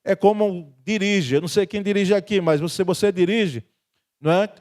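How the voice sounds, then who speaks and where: A man's voice: sits high, moderate pace, darkish tone. A Brazilian man preaching a sermon as pastor of a church, speaking conversationally, chuckling often and tagging his sentences with questions to the congregation. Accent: Brazilian Portuguese.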